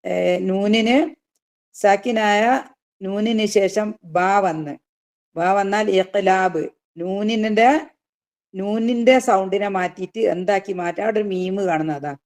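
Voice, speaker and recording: A woman teaching Tajweed rules of Quran recitation in a lesson, asking her students questions and answering them herself, now and then reciting words slowly. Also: medium pitch, darkish tone. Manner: slowly drawn-out recitation of verse examples.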